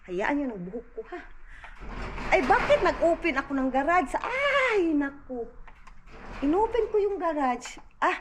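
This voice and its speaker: A chatty woman from the Philippines with a high voice runs a casual home vlog. She talks straight to her viewers and keeps calling them "day" and "inday". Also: big pitch swings, measured pace, noisy background. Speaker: vlogger mother. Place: at home indoors.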